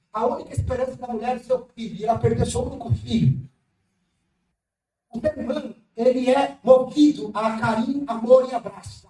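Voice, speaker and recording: A male pastor delivers an impassioned sermon, swinging from sudden shouts to hushed asides. His voice sits very high and carries a roomy echo. He stands back from the mic, with faint music playing behind him. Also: slight background noise. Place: church hall. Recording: echoey church hall, mic at a distance, faint music.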